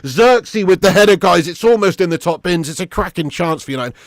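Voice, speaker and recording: A British man doing live football watch-along commentary and chatting casually with viewers in an animated, blokey, sweary, matey way. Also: high voice, brisk, no echo, clean studio sound. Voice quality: raspy, smoker's laugh.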